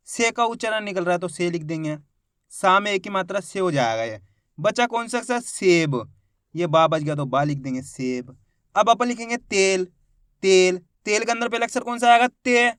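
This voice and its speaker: A man's voice: high-pitched, a bit bright, clean tone, no echo, studio quality. A man teaching Hindi reading. He sounds out each syllable, then blends them into a word, and asks questions he answers himself.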